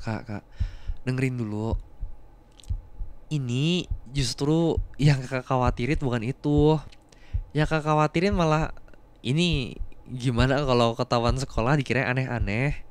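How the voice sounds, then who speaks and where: A young man voicing a younger male student, a rough former bully who has become a protective boyfriend, in an ASMR role-play. He repeats short words again and again to coax and calm. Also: medium pitch, moderate pace, pauses often, natural voice. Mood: soothing. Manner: repeats words to soothe, coaxing and reassuring. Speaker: voice actor.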